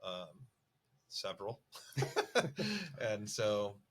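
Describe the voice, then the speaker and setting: A man's voice: fairly low pitch, level tone, very slow, noisy background. A middle-aged man co-hosting a casual business podcast, chatty and self-mocking, laughing often as he tells stories. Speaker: podcast co-host.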